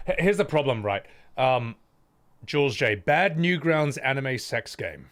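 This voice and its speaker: Blunt sweary man with lively, swooping pitch. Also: unhurried. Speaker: streamer reacting to game trailers. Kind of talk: casual live commentary.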